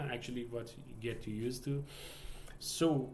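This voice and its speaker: A Persian-accented man in his thirties from Iran, a game developer vlogger, hosts a casual screen-share walkthrough in English, his second language, sounding hesitant and full of fillers and restarts. His mid-range voice moves slowly with a darkish tone. The rough recording from his indoor home office carries a little hiss or hum.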